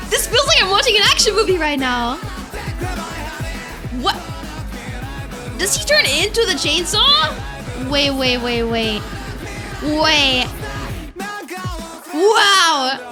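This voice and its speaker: Woman, high voice, unhurried pace, excited reaction commentary, exclamatory, music clearly playing behind her. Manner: exclamatory, easily amazed. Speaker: VTuber reacting to anime openings. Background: anime theme songs.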